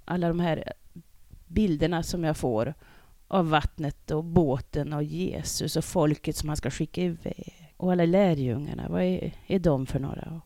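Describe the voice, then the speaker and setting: A woman's voice: low-pitched, dry recording, clean studio sound. A woman deacon, speaking as a podcast guest in a thoughtful, musing way. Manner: thoughtful, musing, soft trailing endings. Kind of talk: casual conversation, scripture reading.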